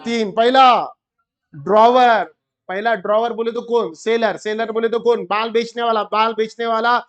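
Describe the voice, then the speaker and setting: A man's voice: very high-pitched, steady tone, unhurried, fairly bright tone, smooth. A male commerce teacher, lecturing a class, drilling terms in call-and-response and mixing with English terms. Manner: mixes Hindi with English terms.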